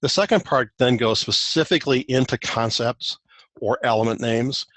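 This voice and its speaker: A man's voice: medium pitch, normal speed, a bit bright, no room sound. A man presenting a technical guide in a recorded webinar walk-through, explaining loosely with many fillers and restarts.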